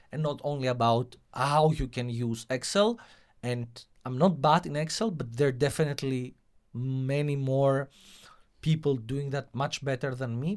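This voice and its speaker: This is a man with a clear Greek, Mediterranean accent and a middle-pitched voice. He talks as a guest in a conversational interview. He explains his thinking and sometimes frames it as a rhetorical question. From Greece. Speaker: interview guest, hotelier and revenue technology professional.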